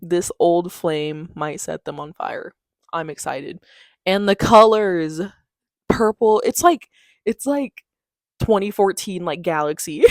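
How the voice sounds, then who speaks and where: A woman's voice: mid-range voice, vocal fry, dry recording, studio quality. A young woman chatting casually about a book haul in a bubbly, gushing, giggly way. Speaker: book vlogger.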